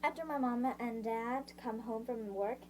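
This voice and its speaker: Slight background noise and a rough recording accompany this woman's slightly high, somewhat mellow voice. As an amateur reader of a first-person novel, she stumbles and restarts frequently, correcting herself and pausing to put passages in her own words.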